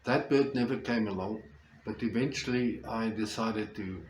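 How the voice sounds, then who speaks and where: An older man with a South African accent and Afrikaans as his first language, telling a personal story reflectively with halting, deliberate phrasing. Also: on the low side. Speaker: storyteller, host. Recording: roomy echo with faint background noise.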